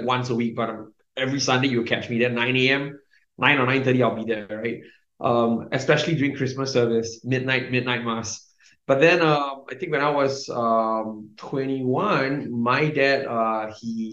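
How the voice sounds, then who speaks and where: A man's voice: mid-range voice, a bit bright. A young man, telling his faith story as a podcast guest in a rambling way, with many fillers, restarts and small laughs. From Singapore. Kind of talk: casual testimony. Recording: roomy, dull lo-fi sound.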